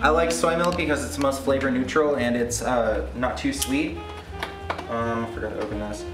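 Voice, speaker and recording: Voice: medium pitch, steady tone, normal speed, distant mic. Tipsy, sweary home cook in a roomy kitchen. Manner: tipsy, rambling, crude swearing. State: drunk. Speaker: home cook hosting a cooking show. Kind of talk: casual cooking tutorial to camera, profane. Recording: roomy kitchen, off-mic, loud music behind. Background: loud music, sizzling pan.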